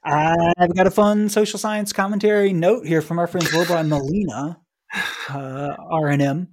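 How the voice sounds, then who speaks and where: A man's voice: on the high side, steady tone, moderate pace, a little hiss or hum. A man co-hosting a casual podcast, chatting and reading scripture aloud with emphasis. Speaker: podcast co-host. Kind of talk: casual lectionary podcast chat.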